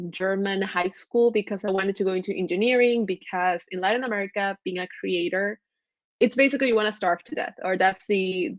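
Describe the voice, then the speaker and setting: A woman's voice: medium pitch, dry recording. Woman from Ecuador, podcast guest, chatty, enthusiastic, dull dry call audio. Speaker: podcast guest, graphic designer. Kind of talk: casual video-call chat.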